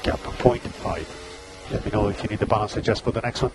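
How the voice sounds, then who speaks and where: A man's voice: fairly low pitch, quick pace, music in the background. A man working as race engineer, giving terse, clipped pit radio calls over a team radio link, repeating gaps and status updates. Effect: team radio transmission.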